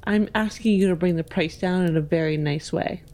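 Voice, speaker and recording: A woman's voice: lowish voice, a little fast, darkish tone. A woman playing in a tabletop game, haggling in character in a cheeky, teasing and persuasive way. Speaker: player.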